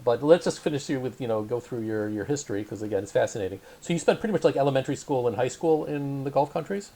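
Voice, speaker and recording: Man, interview host, chatty, hesitant, many "um"s, mid pitch. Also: lively intonation, fast talker, a crowd in the background. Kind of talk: remote interview, conversational.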